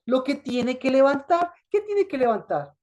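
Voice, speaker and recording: Woman preacher, high voice, mellow tone, sermon style with repeated questions to the congregation. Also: sing-song, unhurried. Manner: asks the congregation questions and answers them herself; repetitive, emphatic.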